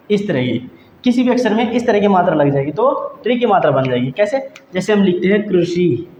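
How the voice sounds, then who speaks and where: A man teaching a grammar lesson for exam students. He talks patiently, says each word slowly and repeats it, and often calls his listeners friends. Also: high voice, a little mellow. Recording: dull, echoey room with faint hiss.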